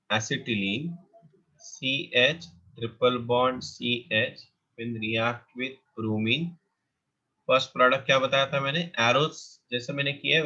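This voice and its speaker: A male chemistry teacher lectures a class in a mix of Hindi and English. He dictates each formula very slowly, then rushes through the explanation. His voice is bright and sharp, heard through a muffled, lo-fi recording. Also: on the high side.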